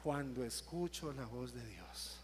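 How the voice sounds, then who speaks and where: A man's voice: mid-range voice, takes it slowly, big-room sound, slight background noise. A man, teaching a sermon class, telling a story and then building to emphatic preaching. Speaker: worship teacher.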